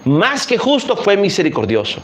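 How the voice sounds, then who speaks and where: A man's voice: high voice, huge pitch swings, moderate pace, a bit bright. A man preaching a sermon as a missionary, telling a parable and then pressing its lesson with direct questions. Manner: storytelling, then pressing home the point with questions.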